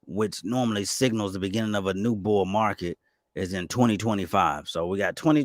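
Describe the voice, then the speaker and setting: A man giving casual, fast-talking commentary on stocks and crypto, excitable and stumbling over restarts. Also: on the low side, dry recording, studio quality. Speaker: finance YouTuber.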